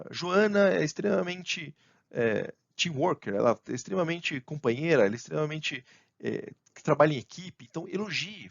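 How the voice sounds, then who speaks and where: A man from Brazil giving a conference talk, lively and full of fillers and restarts, jumping higher when he acts out colleagues' lines. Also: dry recording, dull audio. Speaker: conference speaker.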